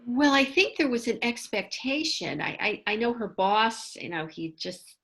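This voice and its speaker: A woman's voice: on the high side, sing-song, unhurried, vocal fry, fairly bright tone. A woman leading a casual book club discussion, hesitant with many restarts and fillers, at times reading a passage aloud.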